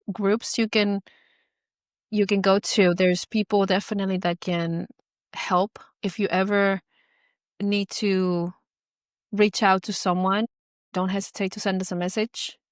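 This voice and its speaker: A woman hosting a podcast, speaking gently and reassuringly to her co-host and her listeners. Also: on the low side, no echo, clean studio sound. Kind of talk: supportive podcast conversation.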